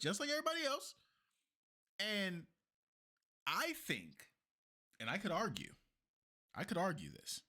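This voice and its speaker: A man's voice: mid-range voice, sharp tone, slightly rough. A man co-hosting a podcast in casual chat, talking emphatically and repeating himself for effect. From not from New York. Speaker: podcast co-host.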